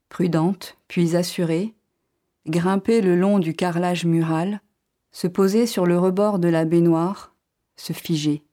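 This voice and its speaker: Woman reading a story aloud, really slow and unhurried, a bit low. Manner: slow, calm, measured first-person reading. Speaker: narrator. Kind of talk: literary audiobook reading.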